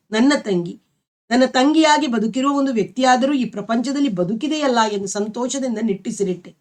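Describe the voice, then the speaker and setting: Woman reading a novel aloud. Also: on the high side. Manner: measured, expressive literary reading. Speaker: storyteller.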